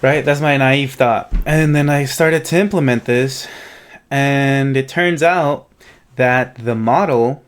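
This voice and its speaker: This medium-pitched male host of a coding project series talks at a slow pace. He explains things informally and off the cuff, musing out loud and frequently turning to the viewer to make sure they're following.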